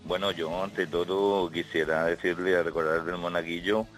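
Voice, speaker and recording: A man voicing an early-retired male caller who calls himself a gigolo, with a very deep, slow, drawling voice, in a radio comedy sketch. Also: little pitch movement, a bit bright, soft background music. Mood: boastful.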